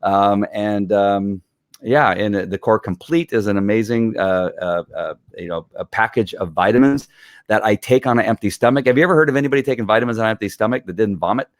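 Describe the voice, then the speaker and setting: A man's voice: on the low side, brisk, dry recording, clean studio sound. A middle-aged man chatting as an interview guest, enthusiastic and rambling with many fillers. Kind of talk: casual interview chat.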